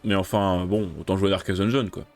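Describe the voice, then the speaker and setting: A man's voice: deep voice, flat delivery, a little fast, faint music behind. A man commentating his own game run in casual let's play style, cursing often when things go wrong and muttering while he plans. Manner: swears loudly in frustration, then mutters. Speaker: gaming video creator.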